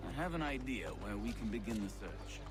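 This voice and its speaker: An actor playing a measured colonial-era man who passes on rumors in a video game. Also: on the low side, big pitch swings, over music. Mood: matter-of-fact.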